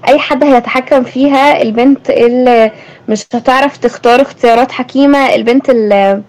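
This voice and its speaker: Egyptian girl talking fast and high, thinking out loud, asks her guest stuff. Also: steady tone, rough recording. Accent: Egyptian Arabic. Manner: thoughtful, asks questions. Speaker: host. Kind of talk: reflective conversation.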